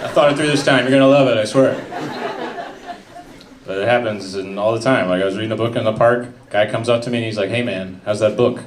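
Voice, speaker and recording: A young man doing a stand-up comedy set with a deadpan, mumbling delivery. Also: on the low side, quick pace. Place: comedy club stage with a live audience. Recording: echoey room with background noise.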